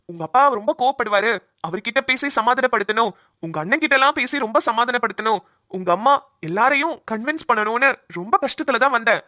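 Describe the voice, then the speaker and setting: A woman doing a calm, reassuring young man. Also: fairly high pitch, no echo, studio quality. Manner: soothing, explaining. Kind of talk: cartoon voice acting.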